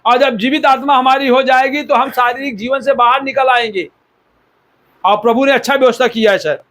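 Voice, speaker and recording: A man's voice: extremely high pitch, fairly quick, fairly bright tone. A man from India preaching a sermon as pastor, exhorting the listeners and repeating key words for emphasis.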